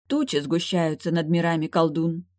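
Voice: mid-range voice, fairly even intonation, moderate pace, dark tone, no room sound, studio quality, close to an everyday voice. A reader voicing an earnest elder lake maiden in an audiobook, speaking firmly. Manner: firm, earnest.

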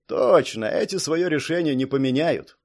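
A man reading aloud, voicing the stern male head of a watch service who speaks slowly and gives curt commands. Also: fairly high pitch, lively intonation.

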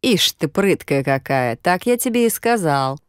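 A woman voicing a rough, cheeky male stranger who talks in coarse slang and drawls his mocking replies. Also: lowish voice, animated, a little slow, no room sound, studio quality. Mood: gruff, mocking.

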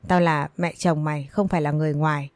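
A woman's voice: deep voice, fairly even intonation, quick pace, no room sound, lightly acted. A woman reading the part of a bitter, scolding older mother-in-law who wails accusations. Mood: wailing. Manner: accusing, wailing complaints.

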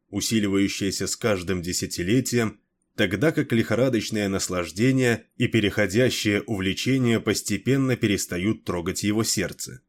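A man reads a brooding, cursed immortal from an audiobook. He speaks in a fairly low, grave voice, slow and measured. He sounds tired of endless years. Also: close to an everyday voice. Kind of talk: audiobook character reading.

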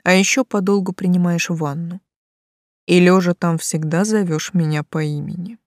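A woman voicing a calm, stern male angel of death who speaks slowly and levelly, with a mocking edge. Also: lowish voice, no echo, studio quality, natural voice.

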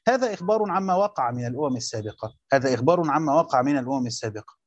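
A man's voice: a little high, darkish tone, no echo. A man teaching a line-by-line commentary, repeating key phrases and answering his own questions. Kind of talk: explaining a text line by line. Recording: dry, dull lo-fi recording.

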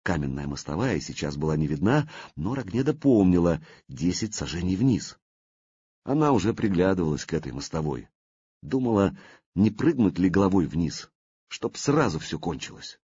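A man narrating an audiobook in an expressive storytelling manner. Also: low voice, moderate pace, breathy edge, dry recording, highs cut off. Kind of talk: scripted narration.

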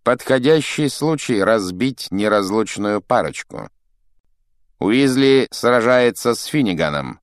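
A man's voice: lowish voice, animated, a little slow, dry recording, studio quality, pitched above the performer's own voice. A man playing a cold, sneering wizard teacher. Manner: cold, clipped, contemptuous. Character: cold, sneering male potions master.

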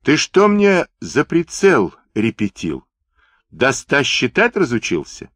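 A man's voice: mid-range voice, huge pitch swings, takes it slowly, no room sound, voice pushed up, full character voice. A man voicing a tired, stern young midshipman who speaks curtly in a storybook reading. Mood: weary. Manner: tired, curt and sharp.

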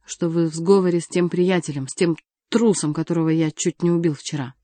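A woman reading an audiobook voices a furious, hot-tempered male count who shouts his threats. Dry, close recording. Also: fairly low pitch, fairly quick, no room sound, natural voice.

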